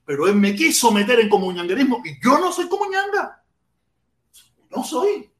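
This Cuban livestream host, speaking with a Cuban accent, rants about politics and banters with commenters in slangy, repetitive, swear-heavy talk. His pitch is extremely high, with lively intonation, a moderate pace, and a slightly bright tone. The room is untreated and echoey.

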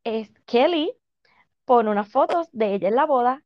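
A woman's voice: a little high, normal speed, no echo, lo-fi sound. A woman gossiping in a casual chat, mixing in English phrases. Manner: animated gossip, code-switching into English. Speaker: podcast co-host.

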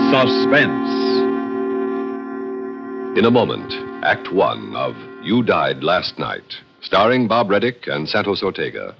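A man's voice: deep voice, gravelly. A man in the style of an old radio announcer, reading a theatrical, scripted drama introduction. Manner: slow, theatrical delivery. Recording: muffled old radio recording with music.

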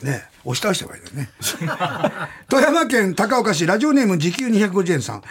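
Lively high-voiced male radio host. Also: breathy edge. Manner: lively, laughing, quick banter. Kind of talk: casual chat, reading listener mail.

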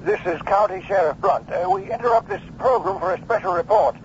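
Sheriff on the car radio breaking into the broadcast, official bulletin tone, kinda high voice, muffled with light static. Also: male voice, a little fast. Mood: grave. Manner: official, announcer-like bulletin reading. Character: male county sheriff reading a special report. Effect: heard over a car radio, cutting into the program. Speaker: county sheriff. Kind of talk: old-time radio drama acting. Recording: dull radio broadcast with faint hiss.

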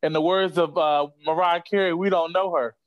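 High-voiced laid-back man, playful. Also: fairly even intonation, normal speed, lo-fi sound. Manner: laid-back, playful, many fillers like "you know". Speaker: podcast co-host. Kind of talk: casual chat.

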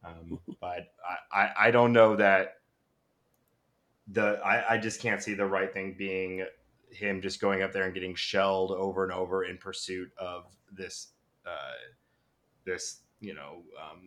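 Man, low-quality stream, backup mic, deep voice, halting, restarts often, casual call. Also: fairly bright tone. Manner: halting, with frequent restarts and slow stretches. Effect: low quality stream from a backup microphone. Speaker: podcast co-host. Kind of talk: casual sports chat over a call. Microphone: backup computer microphone.

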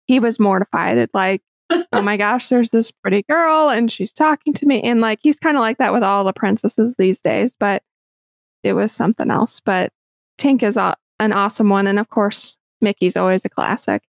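A woman's voice: medium pitch, gravelly, no echo, studio quality. A woman in her thirties hosting a casual chat, upbeat and chatty, laughing easily as she talks. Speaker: host.

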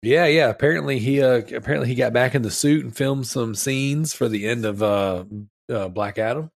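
Rambling enthusiastically in loose slang, a podcast host sick with strep throat sounds wheezy, congested and snotty while mouth-breathing. His mid-range voice is creaky and moves at normal speed. The audio is clean studio sound without echo.

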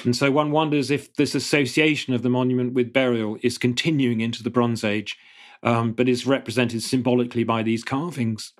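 A middle-aged man, an archaeologist answering interview questions thoughtfully, with halting restarts between fluent explanations. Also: mid-range voice, level tone. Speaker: archaeologist guest.

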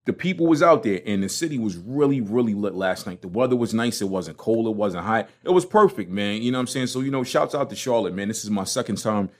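A man's voice: fairly low pitch, expressive, quick pace, few pauses. A man with a Brooklyn accent hosting a casual solo podcast in a slangy, emphatic, conversational way. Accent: Brooklyn, New York. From Brooklyn, New York. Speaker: podcast host.

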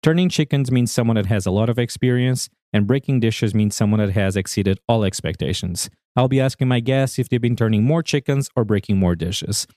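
A man's voice: mid-range voice, a little fast, hardly any pauses, warm tone, no echo. A middle-aged man from Portugal with a Portuguese accent, hosting a podcast interview in an upbeat, playful way. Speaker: podcast host.

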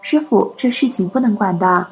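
A woman's voice: mid-range voice, normal speed, breathy edge, poor audio. A woman voicing a frightened young male disciple who pleads and hesitates. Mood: pleading.

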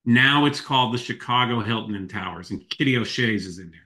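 A man's voice: medium pitch, a little fast, sharp tone. A man in casual conversation, rambling a little and hesitant as he goes. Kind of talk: casual political chat.

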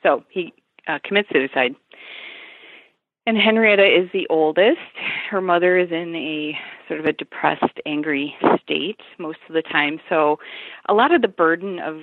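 A woman's voice: sits low, moderate pace, no echo. A woman author talking in a chatty, casual way with many fillers and restarts during an interview, over a tinny phone line.

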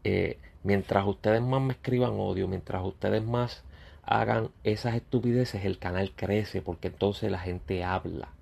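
A man, a YouTuber talking bluntly and confrontationally straight at his critics in a ranting monologue, with a gravelly, husky voice. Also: fairly low pitch, steady tone, measured pace, darkish tone.

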